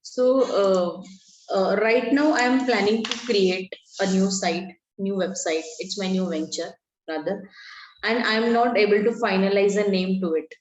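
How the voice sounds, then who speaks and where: A woman's voice: medium pitch, fairly even intonation, a little slow, slight background noise. Woman, Indian English accent, hesitant, many fillers, echoey room, dull lo-fi call sound. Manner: hesitant, full of fillers, mixing in Hindi words. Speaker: participant asking for advice.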